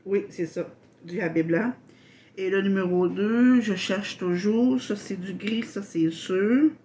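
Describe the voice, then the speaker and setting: A woman from Quebec with a Québécois accent, hosting a casual unboxing vlog, halting and apologetic, full of fillers and restarts. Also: mid-range voice, dark tone. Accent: Québécois French. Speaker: channel host.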